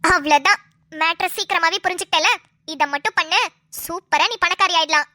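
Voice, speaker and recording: A woman voicing a sly, scheming young woman in a cartoon, speaking low, firm and coaxing as a bossy confidante. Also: a little fast, sharp tone, no room sound, clean studio sound. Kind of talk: cartoon voice acting.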